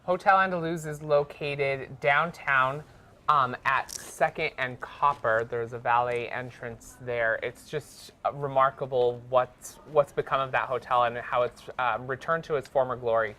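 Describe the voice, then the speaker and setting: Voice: mid-range voice, steady tone, measured pace, sharp tone. Friendly hotel representative, promotional. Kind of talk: guest promo chat on TV.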